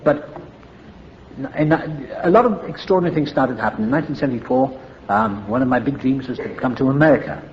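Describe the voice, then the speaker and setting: Talking fairly quickly at medium pitch, an older man from Wales shares his recovery story at an AA meeting, frank, thoughtful and dryly humorous. His Welsh accent is clear, though the recording is muffled.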